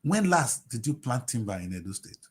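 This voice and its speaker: A man in his late fifties with a Nigerian accent, giving impassioned political commentary on TV, firing off rhetorical questions and swinging between shouting and low mutters. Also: big pitch swings, fairly quick. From Nigeria (Delta State). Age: 50s.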